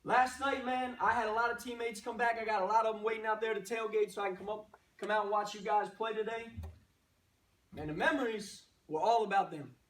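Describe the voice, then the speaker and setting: A man's voice: high-pitched, steady tone, brisk, a bit bright. A man speaking as a coach, giving a motivational pregame pep speech to a team in short, punchy phrases and exhorting rhetorical questions. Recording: roomy echo, distant microphone.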